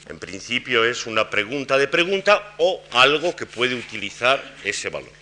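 A man giving an academic lecture on grammar and intonation, explaining in a measured way with frequent pauses. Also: mid-range voice, very animated, bright, forceful tone. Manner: demonstrates intonation patterns by voicing example questions.

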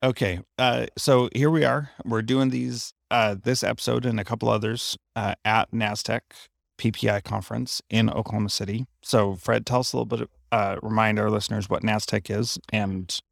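Gravelly, even-toned male podcast co-host in a hallway. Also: lowish voice, normal speed, dry recording, clean studio sound. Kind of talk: casual podcast introduction. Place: hallway at a conference. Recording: recorded in a hallway.

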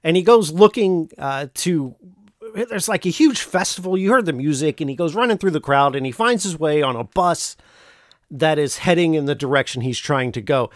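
A man with a slightly high voice talks in a very dry, close recording. He recounts things casually, in a halting, rambling way, like a host walking listeners through a story. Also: expressive, dry recording. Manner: halting, rambling delivery with pauses mid-phrase. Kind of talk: casual film plot recap.

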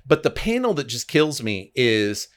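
A man's voice: mid-range voice, big pitch swings, measured pace. A man in his thirties co-hosting a podcast, explaining comic lore with enthusiasm and casual swearing. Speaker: podcast co-host. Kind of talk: casual chat about comics.

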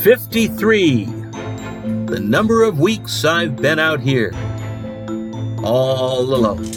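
Eccentric radio host, bingo caller patter, deadpan rambling, very lively pitch, unhurried, clear music bed. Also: male voice. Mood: deadpan bingo calling. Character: marooned eccentric male late-night radio host, cranky, darkly comic.

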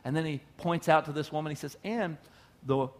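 A man preaching a sermon in an animated, conversational storytelling manner. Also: on the high side, fast talker. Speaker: pastor.

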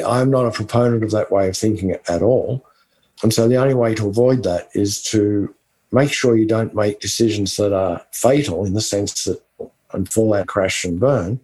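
A man's voice: on the low side, mellow, slightly rough. A man with a West Texas accent and twang, co-hosting a podcast and talking business in an earnest, emphatic, conversational way. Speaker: podcast co-host. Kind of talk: conversational business advice talk.

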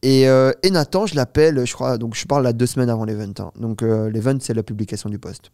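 Clean studio sound with no room sound carries a medium-pitched male voice. He's a startup founder in his twenties, a guest in a relaxed interview, telling a long story quickly and animatedly, loaded with fillers and frequent "tu vois" ("you see").

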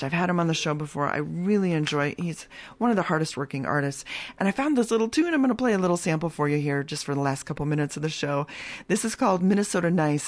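A woman's voice: low voice, dry recording. A woman hosting a community radio show, chatty and upbeat, reading local event announcements in a studio. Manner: chatty, upbeat, with frequent uh fillers.

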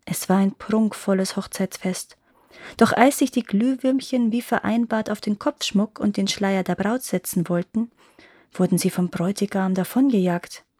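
A woman hosting a fairy tale podcast, reading a story aloud in a calm, measured way. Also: medium pitch, no echo, studio quality. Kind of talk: scripted storybook narration.

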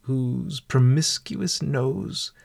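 A man leading a guided walking meditation in a calm, deliberate, measured way. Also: medium pitch, gravelly.

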